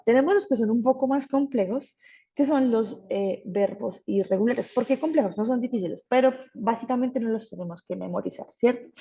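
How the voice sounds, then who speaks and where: A woman's voice: a little high, warm tone, breathy edge, muffled recording. A woman teaching an English grammar class, patient and checking in often with her students. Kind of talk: online class explaining grammar.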